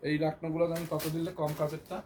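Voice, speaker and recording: A hoarse man with a Bangladeshi Bengali accent, selling clothes on a live stream and repeating prices again and again. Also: fairly high pitch, little pitch movement, racing, a little mellow, a little hiss or hum. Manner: repetitive, keeps repeating prices and urging viewers to buy. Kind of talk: live shopping sales pitch.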